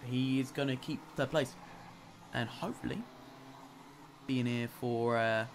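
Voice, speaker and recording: Chatty northern English race commentator. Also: male voice, medium pitch, unhurried, slight background noise. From northern England. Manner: chatty, fillers and self-corrections, laughs often. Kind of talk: live esports race commentary.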